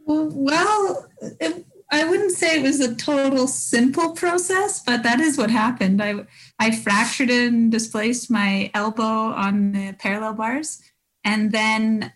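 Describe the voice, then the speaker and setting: A woman's voice: on the high side, a bit bright, poor audio. A woman with a Canadian accent giving casual, unassuming interview answers, a little hesitant. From Canada and New Zealand. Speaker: podcast guest, former Olympic biathlete.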